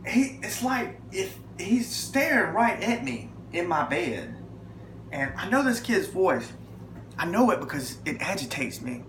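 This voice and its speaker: A man's voice: high voice, a little hiss or hum. A man telling a personal testimony, emphatic and storytelling. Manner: emphatic, lively storytelling with acted quotes. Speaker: testimony speaker. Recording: echoey room with faint ambience.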